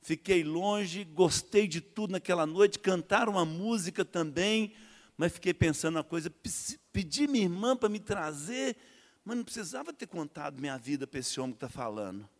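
A man with a Brazilian Portuguese accent gives his testimony to a church crowd. He talks at a slightly raised pitch and tells the story in an animated way, acting out each exchange. His voice carries a long hall reverb. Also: normal speed. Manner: animated storytelling, acts out dialogue. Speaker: testimony speaker.

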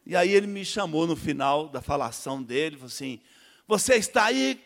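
A man with a Brazilian Portuguese accent giving a church testimony, telling his story in a lively way and acting out the dialogue. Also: a little high, brisk. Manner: animated storytelling, acts out dialogue. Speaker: testimony speaker. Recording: echoey hall reverb.

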